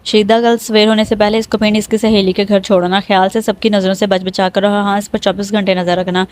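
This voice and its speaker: A woman plays a cruel, arrogant young landlord in an audio novel, sneering and threatening. The voice stays at a middling pitch with little rise and fall. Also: level tone, darkish tone, natural voice. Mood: contemptuous. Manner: contemptuous and threatening.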